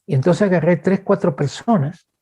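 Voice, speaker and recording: A man's voice: moderate pace, slightly rough. A man with a Chilean accent preaching in a webinar, telling personal stories and acting out quoted voices. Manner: animated, acts out quoted voices with big pitch jumps; addresses listeners as brothers, asks okay. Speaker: guest speaker. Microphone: webinar microphone.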